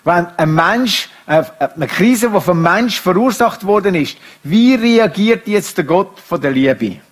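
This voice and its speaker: A middle-aged man preaching a sermon, moving between quiet, reflective passages and raised, emphatic speech. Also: sits high, animated, unhurried.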